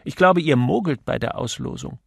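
A man's voice: mid-range voice, moderate pace, vocal fry, husky, no echo, clean studio sound, voice pushed up. A man voicing a complaining young woman typist in an audiobook, in a raised, drawling voice. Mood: grumbling.

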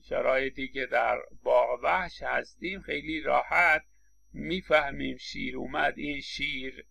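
A man's voice: mid-range voice, steady tone, vocal fry, sharp tone. A man giving a recorded lecture, explaining with examples, acting out short quotes and often stammering on restarts. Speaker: linguistics lecturer.

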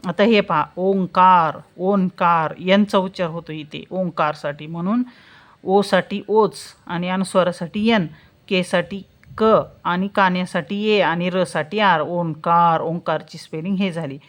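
A woman teaching spelling step by step, saying example words slowly and answering her own questions. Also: fairly low pitch, fairly even intonation. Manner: slow, drawn-out pronunciation of example words, asks questions and answers them herself. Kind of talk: spelling lesson, explaining step by step.

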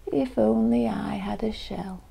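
A woman's voice: medium pitch, fairly even intonation, drawn-out words, creaky, slightly rough, pitched above the performer's own voice, heavily acted. A woman voicing a dreamy, enthusiastic little male slug in a children's storybook, with wide-eyed exclamations. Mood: wistful, hopeful. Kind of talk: children's picture-book character voice.

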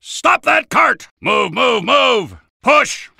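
An actor playing a gung-ho, belligerent American army soldier in a video game, barking bombastic orders and insults in a raspy, gravelly shout. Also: male voice, extremely high pitch, big pitch swings, extremely slow, no room sound, clean studio sound, full character voice.

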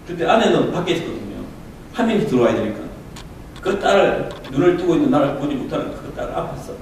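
Middle-aged male pastor, high lively voice, preaching from afar in a roomy church hall with faint hiss. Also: fast, gravelly, recorded from a distance. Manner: swings from low confiding tones to loud impassioned preaching; asks the congregation rhetorical questions. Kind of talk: revival sermon with personal testimony. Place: church sanctuary.

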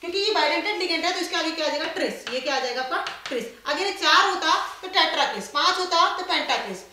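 A woman's voice: extremely high pitch, animated, a little fast, bright, forceful tone. A woman chemistry lecturer teaching a class, asking questions and answering them herself, with English terms mixed into her speech. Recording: very echoey room with faint noise.

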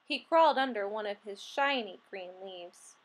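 A woman reading a children's picture book aloud, expressive and playful, acting out the animal sounds. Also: medium pitch, moderate pace. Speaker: storybook reader.

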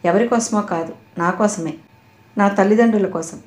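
A woman's voice: mid-range voice, moderate pace, darkish tone, close to an everyday voice. A woman voicing a resigned, grieving unmarried woman who defends her duty to her aging parents in an audio novel. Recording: roomy echo.

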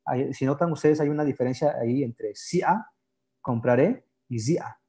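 A man from Yagavila in Mexico gives a patient language lesson, explaining letters and words slowly with frequent pauses and fillers. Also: medium pitch, dark tone. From Yagavila, Oaxaca, Mexico. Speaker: Zapotec language teacher.

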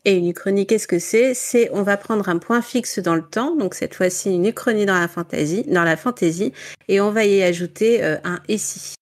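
A woman's voice: medium pitch, normal speed. A woman talking casually in a book club, presenting a novel with many fillers and frequent laughter.

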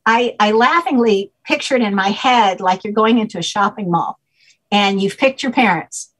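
An older woman with a husky, slightly breathy voice talks a guest through her ideas over a video call. She sounds patient and teacherly, building points step by step and pausing to check with "okay?". Her pitch sits in an ordinary middle range. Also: fairly bright tone, poor audio. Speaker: guest name expert. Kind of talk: explanatory interview talk. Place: home room, on a video call.

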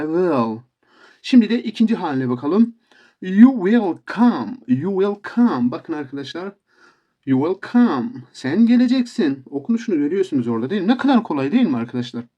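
A man teaching a casual video lesson with a lively voice that swings widely up and down. His pitch sits a little high for a man. He talks to his viewers as friends and slows right down to repeat example phrases. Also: lo-fi sound. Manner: animated, keeps addressing viewers as friends. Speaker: English teacher.

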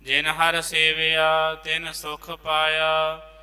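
A man teaching scripture recitation, singing the verses slowly and then quickly explaining how to pronounce them in a lower voice. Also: completely flat delivery, sharp tone, clean tone, soft background music. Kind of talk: chanted scripture recitation lesson. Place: large temple hall. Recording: long reverb of a large hall.

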